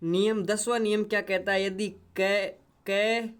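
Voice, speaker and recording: A man's voice: sits high, level tone, slow pace, clean tone. A man teaching a grammar lesson, going over each rule step by step and repeating the examples. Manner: repetitive step-by-step explaining.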